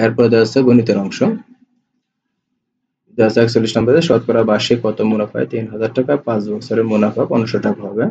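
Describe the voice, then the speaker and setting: Low, dark Bangladeshi male exam tutor. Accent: Bangladeshi Bengali. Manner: reads each question then answers it, repeats answers. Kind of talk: exam question walkthrough. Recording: dull lo-fi voice-over with faint hiss.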